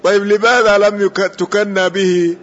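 A man teaching as a sheikh, explaining a text slowly and correcting the reader's pronunciation. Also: high voice, little pitch movement, a bit bright. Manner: slow, deliberate, corrects the reader. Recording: dull lo-fi sound with faint noise.

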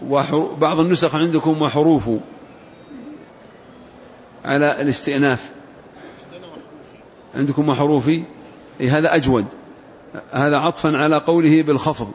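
Slightly high man teaching, repeating terms. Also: fairly even intonation, normal speed, long pauses. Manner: repeats and stretches words for emphasis, questions the class. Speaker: grammar teacher. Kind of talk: classroom lesson. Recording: muffled recording with faint hiss.

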